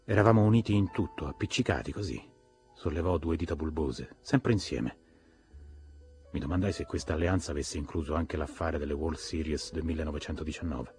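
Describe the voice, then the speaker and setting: A man reading a novel aloud as an audiobook narrator, measured and even. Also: very deep voice, soft background music. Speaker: audiobook reader.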